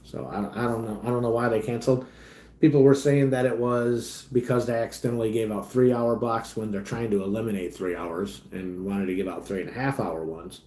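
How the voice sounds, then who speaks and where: A man hosting a casual livestream, rambling as he reads chat comments and trails off quietly at the ends of his thoughts. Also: fairly low pitch, fairly even intonation, fairly quick. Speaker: livestream host and delivery driver. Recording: echoey room.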